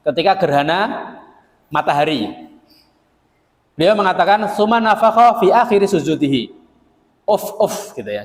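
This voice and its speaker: A male preacher gives a folksy sermon, joking and speaking straight to his listeners. His voice sits a little high. The sound carries a long reverb, as if in a large hall. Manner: folksy and joking, addresses the audience directly. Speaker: Islamic preacher. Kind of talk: sermon to a local congregation.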